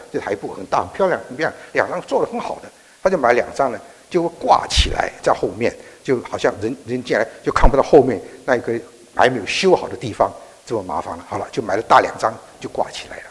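A man preaching, telling a story in an animated, halting way with frequent restarts. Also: medium pitch, husky. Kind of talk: sermon storytelling. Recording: echoey hall.

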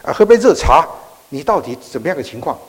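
A man's voice: a little high, big pitch swings, fast talker, slightly rough. A man voicing a kindly coaxing pastor. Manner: warm, coaxing invitations. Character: kind, caring male pastor. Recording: echoey hall.

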